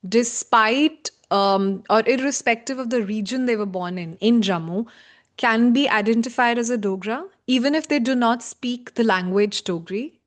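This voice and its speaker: A woman's voice: on the high side, moderate pace. A woman with an Indian accent hosting a conversational interview, encouraging her guest and feeling her way through her phrasing. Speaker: interviewer, host.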